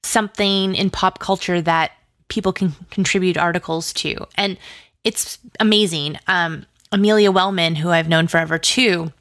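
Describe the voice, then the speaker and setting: Enthusiastic and talkative, this podcast and pop culture site creator chats as an interview guest, scattering "like" throughout her sentences. She speaks on the low side at normal speed, with fairly even intonation and a slightly bright tone. The studio sound is clean, without echo.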